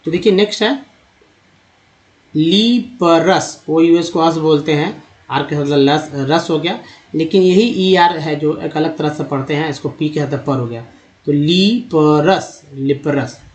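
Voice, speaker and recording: A man teaching English reading, sounding out words slowly and repeating them for his viewers. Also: fairly high pitch, a little mellow. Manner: slow, repeats words syllable by syllable; addresses viewers as friends. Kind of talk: spoken phonics lesson.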